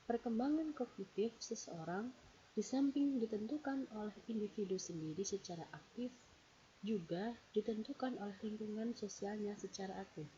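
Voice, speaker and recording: A woman presents a read-out lecture in a warm, mellow voice, steadily numbering each point as she explains. The recording is dull and lo-fi, with a faint hiss underneath. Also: mid-range voice, normal speed. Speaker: presenter explaining a psychology theory.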